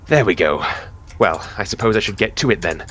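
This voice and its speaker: A man's voice: fairly low pitch, expressive, a little fast, fairly bright tone. A man playing a chatty, sarcastic lone space explorer who talks to himself in a science fiction audio drama. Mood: eager, playful.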